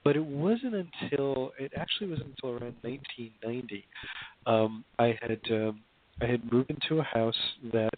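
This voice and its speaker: A man's voice: mid-range voice, normal speed. A man speaking as a guest in a radio interview over a crackly phone line with static. He talks hesitantly, with many fillers and restarts.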